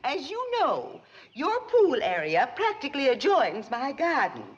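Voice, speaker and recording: An actress playing a fussy, formal wealthy society matron who speaks in a prim, dramatic way. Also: female voice, sits high, huge pitch swings, unhurried, lo-fi sound, full character voice. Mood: distressed.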